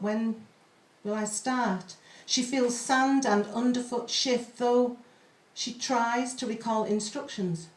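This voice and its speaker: A woman poet reciting in a slow, deliberate way, pausing between short phrases at an open mic. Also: medium pitch, far from the mic. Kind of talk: slow, measured poetry recital. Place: live open mic room. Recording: echoey room, off the mic.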